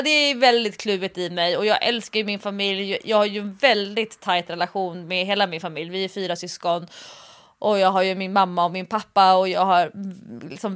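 A woman's voice: medium pitch, a bit bright, clear, resonant tone. A woman co-hosting a casual chat, thinking aloud in a reflective, hesitant way with many fillers. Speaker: podcast co-host.

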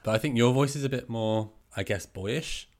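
Calm, clear-voiced male co-host. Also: mid-range voice, moderate pace. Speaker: podcast co-host. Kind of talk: casual chat.

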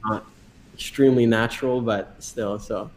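A man's voice: medium pitch, steady tone, moderate pace, darkish tone, slight background noise. Friendly man. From Quebec, Canada. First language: French. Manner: friendly, laughing, repeats words. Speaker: guest, dancer. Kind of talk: casual video call chat.

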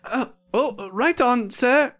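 An improv comedian voices a tipsy, loyal young squire, his pitch extremely high and his delivery slow, a bit bright, and heavily acted. The character talks in flowery mock-olde phrasing, broken up by hesitant fillers.

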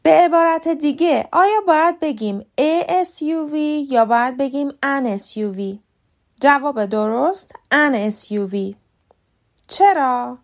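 A woman's voice: high-pitched, lively intonation. Persian-speaking woman teaching pronunciation. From Iran. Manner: clear, explanatory, slows down to model example words. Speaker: podcast host teaching English pronunciation. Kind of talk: scripted lesson monologue.

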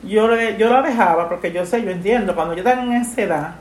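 Grieving middle-aged woman, halting. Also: medium pitch, roomy sound, a little hiss or hum. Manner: grieving, soft and halting, with many restarts. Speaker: guest speaking about her late mother. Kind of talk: emotional personal conversation.

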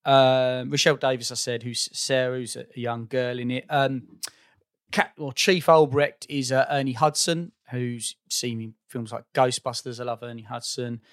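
A man in his forties with an Essex accent, chatting casually about film in an informal, fairly monotone way. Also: medium pitch, moderate pace, dry recording, studio quality. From Essex, England. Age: 40s. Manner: self-described monotone, informal.

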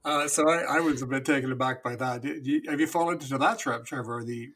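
A man's voice: mid-range voice, quick pace, fairly bright tone, slight background noise. A middle-aged man co-hosting a podcast, chatty and chuckling. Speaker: co-host.

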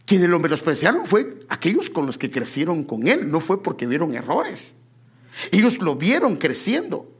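A man preaching a sermon in an animated way, often calling his listeners beloved brother. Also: a little high, moderate pace, husky. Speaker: pastor.

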